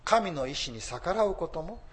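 Male pastor, sermon delivery, somewhat high voice with animated intonation. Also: normal speed. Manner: lively preaching, rising emphasis on key phrases.

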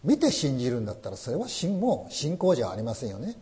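A man's voice: mid-range voice, huge pitch swings, fast talker, dark tone. A man preaching a sermon as pastor, emphatic and full of rhetorical questions.

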